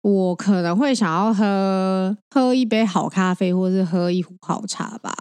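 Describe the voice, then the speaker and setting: A woman co-hosting a podcast, telling stories in a lively, chatty way. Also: medium pitch, clear, resonant tone, no room sound. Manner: animated storyteller, quick and chatty. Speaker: podcast co-host. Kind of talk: casual chat.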